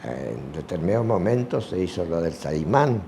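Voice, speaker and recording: Older man, low mellow voice, unhurried halting interview answers, faint hiss behind. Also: sing-song, gravelly. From Argentina. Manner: slow, halting, with many fillers. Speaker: retired sports teacher.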